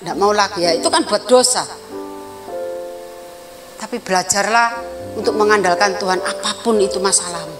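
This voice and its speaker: Female preacher, earnest testimony-driven sermon, gentle music bed. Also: mid-range voice, poor audio. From Indonesia. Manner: earnest, storytelling testimony with quoted voices. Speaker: evangelist preacher. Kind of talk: sermon at a prayer service.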